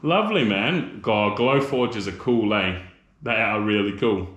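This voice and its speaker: A man's voice: lowish voice, expressive, measured pace, a bit bright, muffled recording. A man in his thirties with an Australian accent hosting a casual live chat with viewers, rambling and teasing them with mate and bro. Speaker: livestream host. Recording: roomy echo.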